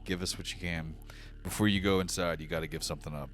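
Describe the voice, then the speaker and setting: A man voicing a gruff, sly hobgoblin guard with a gravelly voice and a demanding manner in a tabletop game. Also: low voice, steady tone, fast talker, fairly bright tone, soft background music.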